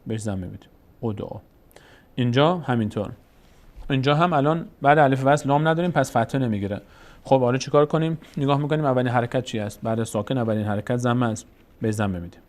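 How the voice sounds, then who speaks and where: Guy teaching quran reading, calm and patient, says every rule twice, spells words out slow. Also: mid-range voice. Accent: Persian-speaking, Tajikistan channel. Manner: patient, repeats rules, addresses viewers as dear ones. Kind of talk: step-by-step recitation lesson.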